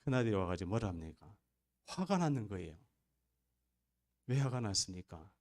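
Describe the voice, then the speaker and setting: Low-voiced pastor guy preaching in church, gets loud and asks the crowd questions. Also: sing-song, normal speed. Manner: emphatic preaching with rising bursts and rhetorical questions. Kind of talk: sermon. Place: church sanctuary.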